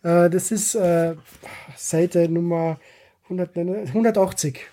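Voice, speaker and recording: A man's voice: high-pitched, fairly even intonation, slow pace, dark tone. A man co-hosting a podcast, casually and animatedly picking apart manga details. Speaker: podcast co-host. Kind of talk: casual chat reviewing manga.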